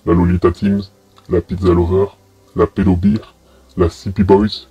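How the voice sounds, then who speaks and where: Low, husky, flat-toned man. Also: a little slow, lo-fi sound. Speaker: anti-paedocrime investigator being interviewed. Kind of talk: interview testimony.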